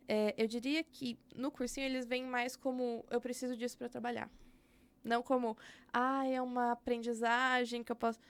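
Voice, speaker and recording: Her voice is fairly high and smooth: a young woman with a Brazilian Portuguese accent appearing as a podcast guest. She candidly talks through her experience as an educator in a relaxed interview, thinking aloud and using many fillers.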